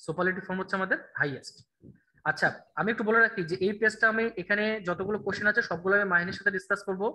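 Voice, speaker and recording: A man teaching an online English grammar class, quizzing a student and reading answer options slowly. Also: high voice, sharp tone, low-quality recording. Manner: drills answers with rhetorical questions, reads options slowly.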